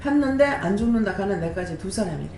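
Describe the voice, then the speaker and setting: A woman's voice: quick pace, creaky. Lady preaching a testimony, swoops up and down a lot, echoey room. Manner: animated testimony, rhetorical questions to the congregation. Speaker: prayer house director and preacher. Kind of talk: sermon. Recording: echoey room with faint rumble.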